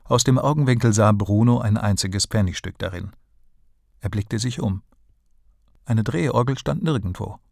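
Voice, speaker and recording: A man narrating a children's audiobook story in a calm, even storytelling manner. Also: lowish voice, moderate pace, gravelly, no room sound, studio quality.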